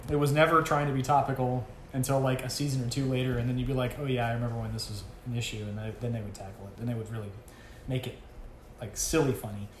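A man's voice: medium pitch, fairly even intonation, quick pace. A man co-hosting a casual podcast chat, laughing often and riffing animatedly. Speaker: podcast co-host. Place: apartment room. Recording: echoey room with faint noise.

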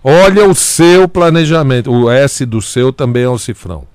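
A man's voice: medium pitch, moderate pace, darkish tone, clean tone, no echo. Dry-sounding, blustering Brazilian radio man. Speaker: radio show commentator. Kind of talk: bantering sports radio chat.

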